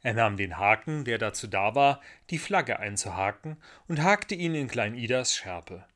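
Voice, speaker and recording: A man reading a children's story aloud in a gentle, expressive storytelling manner. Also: medium pitch, moderate pace.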